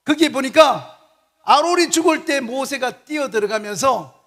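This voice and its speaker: Male preacher, high voice, impassioned sermon, long church reverb. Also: expressive, moderate pace, fairly bright tone. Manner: impassioned, leads congregation in call-and-repeat. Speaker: guest preacher, missionary. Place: church sanctuary.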